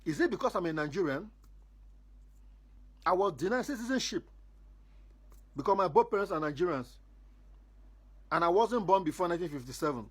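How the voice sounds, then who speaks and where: A man from Ghana makes an indoor appeal straight to camera in a high, husky voice. He repeats himself emphatically and fires off indignant questions. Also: lively intonation, fairly quick, pauses often. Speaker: featured video subject. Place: indoors under a ring light.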